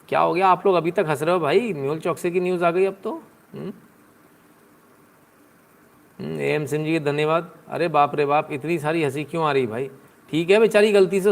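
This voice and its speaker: A man on a live stream who talks through the news with plenty of sarcasm. He chats loosely and answers his viewers' comments along the way. His speaking voice sits somewhat high for a man.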